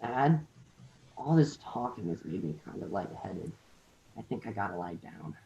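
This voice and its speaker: Cocky teenage schemer read by a man in a table read; pushy, animated intonation. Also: mid-range voice, brisk, natural voice, low-quality recording. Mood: fake-sick. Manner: pushy, persuasive. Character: cocky, persuasive teenage boy. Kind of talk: unrehearsed script read-through.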